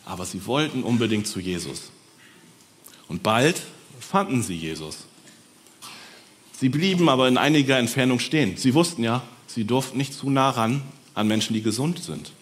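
A man telling a Bible story for children, lively and speaking directly to his listeners. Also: medium pitch, moderate pace, slight background noise.

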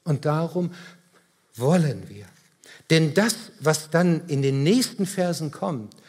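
A man's voice: a little high, animated, takes it slowly, a little mellow, breathy edge. A man preaching a sermon in a church service, earnest and emphatic, speaking directly to the congregation and driving points home through repetition. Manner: earnest, emphatic with repeated phrases.

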